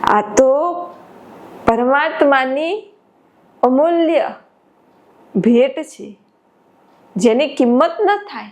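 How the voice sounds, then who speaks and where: A high-voiced woman delivers a devotional sermon at a slow, unhurried pace. She speaks as a spiritual teacher, building her points by repeating phrases for emphasis. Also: animated, darkish tone.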